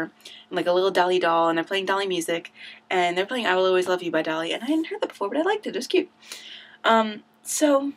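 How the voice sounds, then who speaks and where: Bubbly gushing young woman vlogger. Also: lowish voice. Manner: bubbly, gushing, says "like" a lot. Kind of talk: casual storytelling vlog. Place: at home, indoors.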